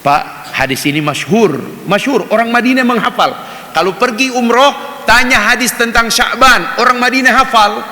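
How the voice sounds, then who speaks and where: A man's voice: extremely high pitch, moderate pace, pushed and bright. A man preaching a sermon in a mosque, chatty and direct, often turning to speak to the men listening. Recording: reverberant mosque hall, faint hiss.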